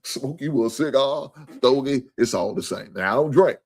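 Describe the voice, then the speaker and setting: A man's voice: medium pitch, animated, moderate pace. A man hosting a live sports stream in casual, profane talk, earnest and repetitive.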